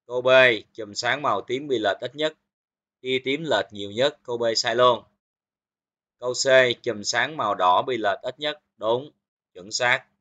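A man's voice: mid-range voice, a little slow, sharp tone, muffled recording. A man teaching physics, going through exam questions one by one and checking in with his students often. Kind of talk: exam review lesson.

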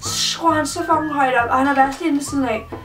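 Young woman vlogging at home, high voice, teasing and chatty, bit far from the mic, loud music playing. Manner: teasing, chatty, hums and sings bits. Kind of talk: casual chat. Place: home bedroom.

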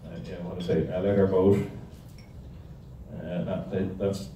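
Speaking unhurriedly in a low, dark, level voice, this Irishman in his sixties gives a club an informal, humorous history talk full of wry digressions and slides. The setting is an indoor hall with a projection screen and a handheld or stand microphone. Captured on an audience camera, the sound is echoey, distant and noisy, with the highs cut off.

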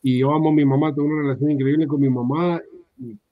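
Talking fast in a fairly high, fairly even voice, this Honduran guest chats at length on a panel by webcam from home, his Honduran Spanish accent clear. He keeps restarting his sentences mid-phrase, and the video call audio is dull and lo-fi.

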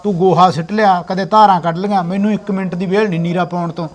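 An actor playing an earnest farmer elder brother who talks plainly and reassuringly. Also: male voice, high-pitched, steady tone, quick pace, natural voice. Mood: planning. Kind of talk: village family drama acting.

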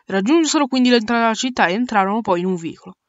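A woman's voice: on the high side, animated, rapid-fire, no room sound, muffled recording. A woman narrating an amateur audio drama in a casual, unscripted way.

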